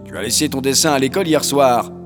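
A woman putting on a deep voice to play a firm, hurried father in a storybook. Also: faint music behind. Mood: impatient.

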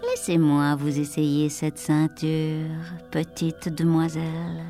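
A woman's voice: sits low, completely flat delivery, slow, dark tone, soft background music. A woman voicing a wicked queen disguised as an old peddler woman in a storybook, coaxing and wheedling. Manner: coaxing, sing-song hawking.

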